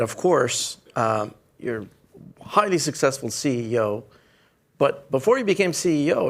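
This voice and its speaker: A man hosting a fireside chat on a university stage, asking his guest questions in an encouraging, deliberate way. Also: mid-range voice, vocal fry.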